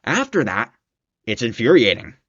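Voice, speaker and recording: A man's voice: mid-range voice, very animated, moderate pace, fairly bright tone, dry recording, highs cut off. A man giving a casual spoken book review, swearing freely and ranting in exasperation, his voice climbing as he gets worked up.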